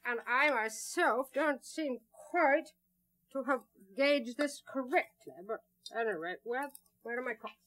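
On an indoor studio set among potted plants, an older woman hosts a gardening demonstration from an old 1960s television tape. Her high, fairly bright voice comes across as brisk, wry and emphatic.

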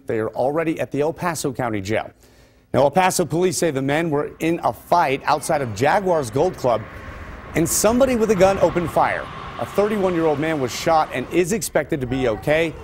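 A man's voice: on the high side, lively intonation, normal speed, slight background noise. A male news anchor reading local stories with loose, conversational ad-libs. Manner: loose and conversational between scripted items. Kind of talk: news reading with ad-libbed asides.

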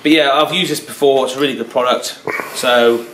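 A man's voice: mid-range voice, steady tone, fairly quick, a bit bright. A British man in his thirties chatting in a matey, enthusiastic way as co-host of a car vlog. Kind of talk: casual chat. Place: stone-walled garage workshop with tin roof, indoors. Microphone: camera mic a few feet away. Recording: echoey workshop with faint noise.

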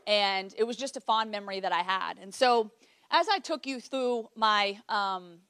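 Energetic woman giving a keynote. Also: medium pitch, normal speed, clean tone, dry recording. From Virginia, United States. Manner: energetic, conversational, addresses the audience directly. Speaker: keynote speaker. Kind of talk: motivational keynote storytelling.

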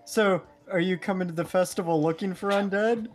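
A player at a tabletop game, speaking slowly and deliberately, with a joking tone. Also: medium pitch, noisy background. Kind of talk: casual game table chat.

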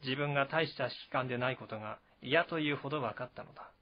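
A man narrates a historical novel he reads for the first time, at a steady pace with small slips and restarts. His voice sits at a middle pitch for a man. The recording sounds dull and lo-fi. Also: fast. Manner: steady, even reading with occasional slips and restarts. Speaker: narrator reading a novel aloud.

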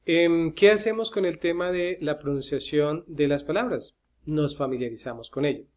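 A man with a fairly high-pitched voice speaks at normal speed. He's an English pronunciation teacher running a casual screen-share lesson, chatting to viewers with lots of "eh" fillers.

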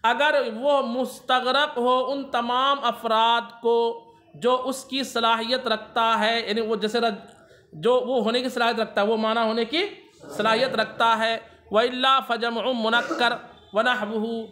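High bright-voiced male religious teacher. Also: little pitch movement. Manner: asks the class a question, then answers it himself; reads Arabic text slowly, then explains it. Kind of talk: classroom lecture.

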